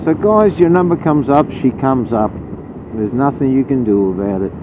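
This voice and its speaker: A man's voice: mid-range voice, normal speed. An Australian man giving a casual, rambling, blunt running commentary, his voice muffled inside a helmet as he rides a motorcycle. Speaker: motorcycle vlogger. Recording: muffled narrow-band helmet audio, loud road noise. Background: loud engine, wind and road noise.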